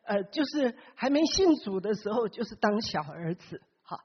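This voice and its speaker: Her husky, medium-pitched voice moves at a moderate pace with a sing-song quality as she delivers a sermon. She keeps questioning the congregation and performs the Bible characters with wide vocal swings, heard through long hall reverb in a dull lo-fi recording.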